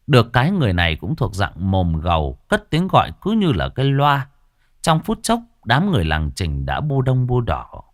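A man's voice: medium pitch, wildly swooping pitch, moderate pace, no room sound, clean studio sound. A man telling a ghost story, dramatic and vivid with earthy humor.

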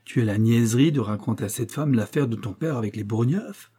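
Man playing a gruff dismissive older uncle, blunt, worldly, dark husky voice. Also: medium pitch, a little fast, close to an everyday voice. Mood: scornful.

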